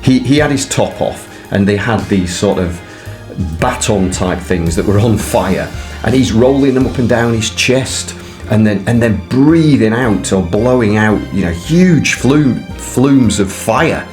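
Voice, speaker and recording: A man's voice: fairly low pitch, measured pace, darkish tone, soft background music. A man talking casually and unscripted to viewers as a fitness vlogger, in a hesitant, rambling way full of fillers. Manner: hesitant, rambling delivery with frequent filler words.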